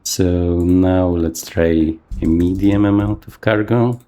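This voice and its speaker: A man casually talking through a flight simulator session, thinking aloud with plenty of fillers, his voice a little rough from the morning. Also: sits low, steady tone, slow pace, warm tone. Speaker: flight sim video host. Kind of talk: casual gameplay commentary.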